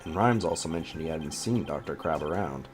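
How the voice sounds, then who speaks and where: Man reading as polite male defense attorney, low voice, varied intonation, sensible, game dialogue, soft music. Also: animated, a little fast. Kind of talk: video game dialogue read aloud.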